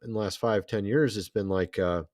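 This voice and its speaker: A man's voice: fairly low pitch, moderate pace, a little mellow, dry recording, clean studio sound. A man co-hosting a casual reaction show, talking loosely and peppering his sentences with "like.". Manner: loose, filler-heavy, says "like" a lot. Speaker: co-host.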